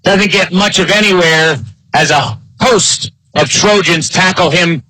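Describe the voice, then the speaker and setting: An American man handles play-by-play for a live high school football broadcast, speaking unhurriedly in a pushed, bright voice. The recording is rough and echo-free.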